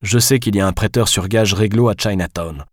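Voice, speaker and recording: A man's voice: fairly low pitch, fairly quick, dry recording, clean studio sound, lightly acted. A man playing a stubborn, grumbling fugitive. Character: frustrated man on the run, stubborn. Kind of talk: audiobook character voice.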